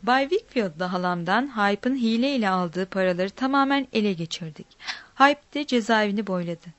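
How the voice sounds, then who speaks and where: A woman narrating a storybook aloud in a measured, plain reading. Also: mid-range voice, animated, no room sound.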